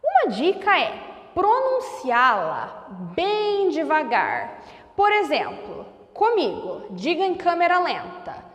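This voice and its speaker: A woman teacher with a high, lively voice walks through a whiteboard lesson, stretching words out slowly and carefully. She talks at an unhurried pace. The room rings with echo and a long reverb tail. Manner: slow, deliberate over-enunciation of sounds. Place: classroom with a whiteboard.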